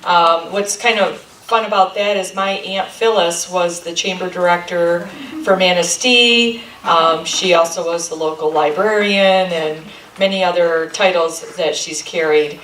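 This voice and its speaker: Speaking at a measured pace in a lowish, slightly bright voice, a middle-aged chamber of commerce president from Michigan addresses a local group informally in a meeting room. Her talk is friendly and meandering, packed with ums. The mic sits far away in an echoey room, picking up some hiss or hum.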